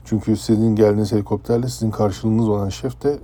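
A man from Turkey tells a personal story in a relaxed, conversational way, lifting his voice when the tale turns dramatic. His voice is deep, very dark and mellow, with a husky grain. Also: quick pace. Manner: conversational, animated when telling dramatic parts. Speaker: former ship's chef.

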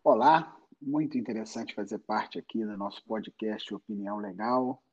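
Male Brazilian expert guest, formal and measured, husky edge, dull lo-fi recording. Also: lowish voice. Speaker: podcast guest, environmental lawyer. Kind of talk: formal expert explanation in an interview.

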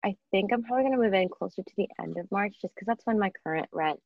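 Husky-voiced young woman guest. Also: mid-range voice, quick pace, no room sound, muffled recording. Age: 20s. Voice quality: husky just-woken-up voice. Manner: laughing, self-mocking. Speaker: podcast guest. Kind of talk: casual chat.

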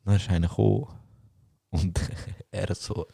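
Husky young Swiss man telling animated stories. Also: sits low, unhurried. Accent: Swiss German. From Switzerland. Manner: animated storyteller, laughs often, acts out quotes. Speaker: podcast co-host. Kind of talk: casual chat.

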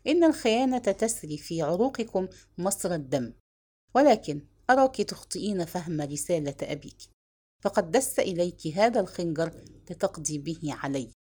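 A proud young king in a storybook reading, stung by rejection and turning to stern, scornful retorts, as a woman reader voices him. The delivery swings with lively pitch. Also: normal speed, slightly rough. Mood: angry.

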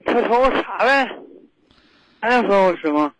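High-voiced man, earnest caller. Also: expressive, a bit bright, dry recording, rough recording. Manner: earnest, halting, keeps asking if understood. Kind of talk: call-in advice talk.

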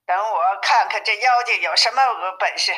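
A woman's voice: medium pitch, normal speed, pushed and bright, natural voice, poor audio. A woman voicing a brave, restless male monkey king in a storybook reading. He speaks in a bold, urgent way.

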